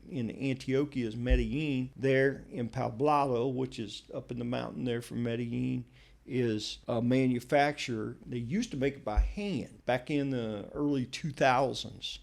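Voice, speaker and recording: Man, middle-aged, podcast host, personal story, casual conversational delivery, rough gravelly voice. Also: mid-range voice, darkish tone.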